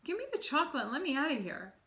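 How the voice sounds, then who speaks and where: A woman voicing a greedy, rude spoiled boy who shouts his demands. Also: medium pitch, lively intonation, moderate pace. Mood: shouting.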